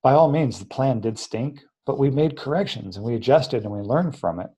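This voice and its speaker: A man's voice: medium pitch, expressive, a little fast, warm tone, husky. A man guesting on an interview show, earnestly telling his story and acting out the voices of people he quotes. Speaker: interview guest, treatment center founder.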